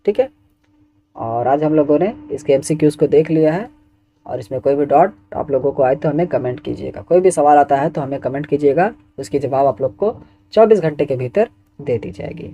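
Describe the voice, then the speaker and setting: A man's voice: a little high, fairly quick, mellow, muffled recording. A man teaching Hindi grammar who reads each exam question and its options aloud, then asks for the answer and repeats it. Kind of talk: exam question walkthrough lesson.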